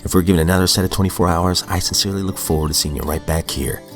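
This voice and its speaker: Over faint background music, a man with a very low, steady voice hosts a podcast of daily recovery texts, reading them aloud and then reflecting casually. He is unhurried and earnest, with fillers and restarts, and a cold leaves him a little sniffly.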